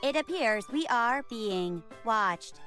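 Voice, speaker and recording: A beeping robot navigator. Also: female voice, fairly high pitch, slow pace. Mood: robotic. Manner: flat, clipped robot announcements with spoken beeps. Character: cheerful young actress playing a beeping ship's navigator robot. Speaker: video game character. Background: game music.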